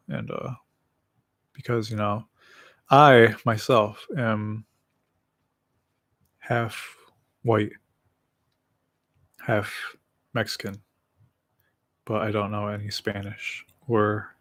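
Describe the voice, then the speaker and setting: On his solo livestream, a host in his late twenties eats between words, rambling casually and joking at his own expense through a slight lisp. His pitch sits fairly low, and the recording is dry.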